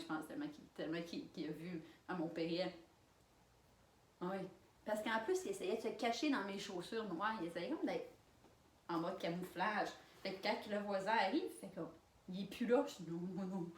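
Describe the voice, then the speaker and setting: Une jeune femme à l'accent québécois qui raconte une anecdote en vlog, de façon animée, avec des rires et des exclamations fortes. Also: female voice, mid-range voice, a little hiss or hum. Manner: animated, laughing storytelling with loud exclamations. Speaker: vlogger. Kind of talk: storytime vlog. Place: alone in a room. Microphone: camera mic. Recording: roomy sound from a distant mic.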